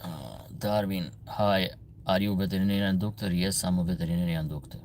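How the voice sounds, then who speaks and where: A man with an Albanian accent and a very low, deep voice hosts a casual livestream. He reads his viewers' comments aloud and answers each one in turn in an easy, conversational way. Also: fairly quick, darkish tone, slight background noise. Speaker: livestream host, veterinarian.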